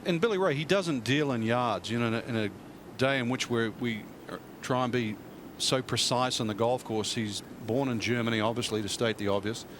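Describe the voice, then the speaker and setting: A man's voice: medium pitch, fairly quick. Conversational male golf commentator, outdoor noise. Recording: outdoor broadcast, clear ambient noise.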